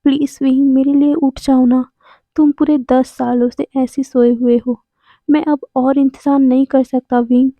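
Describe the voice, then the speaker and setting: A woman's voice: high voice, level tone, normal speed, mellow, no room sound. Woman voicing a pleading lovesick young man. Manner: pleading, repeats a name over and over. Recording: dull lo-fi, dry sound.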